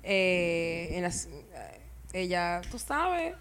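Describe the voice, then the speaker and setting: A woman's voice: fairly low pitch, sing-song, extremely slow, fairly bright tone. A woman with a Dominican Spanish accent telling stories casually as a podcast co-host, using slang and slipping in English phrases. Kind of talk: casual conversational storytelling.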